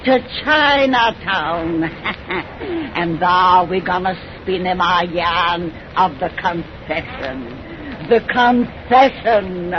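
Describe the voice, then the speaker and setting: A woman playing a gleeful, folksy 110-year-old witch with a cracked, cackling voice, in old radio horror style. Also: on the low side. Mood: sly glee. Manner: folksy rustic dialect, gleeful, drawn-out words. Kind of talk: 1930s radio horror acting. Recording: muffled, noisy old radio recording.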